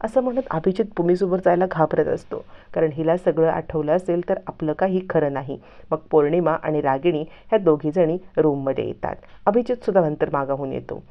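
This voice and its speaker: Low-voiced woman retelling a serial. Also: brisk, vocal fry, dull audio. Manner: steady, plain retelling. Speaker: storyteller recapping a TV serial. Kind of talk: narrated episode recap.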